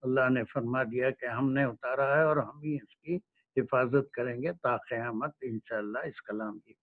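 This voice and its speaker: A man giving a religious lecture, speaking slowly and pausing often to search for words. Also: medium pitch. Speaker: Quran lecturer. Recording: tinny phone-like recording.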